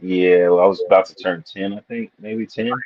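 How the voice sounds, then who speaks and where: Dull lo-fi stream audio carries a low-pitched man from Missouri chatting at normal speed on a casual live panel. His tone stays steady while he rambles through stories, loose and profane.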